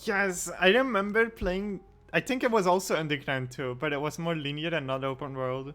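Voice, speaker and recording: Man, casual podcast co-host, voice a touch high, playful and chatty. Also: moderate pace, fairly bright tone. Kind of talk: casual chat.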